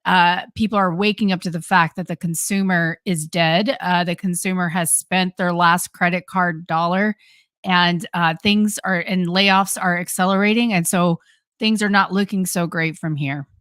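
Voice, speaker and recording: Female co-host, halting and measured, dry sound. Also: lowish voice, steady tone, fairly bright tone, no echo. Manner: halting, frequent restarts, measured. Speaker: co-host, commentator. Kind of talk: casual live-stream commentary.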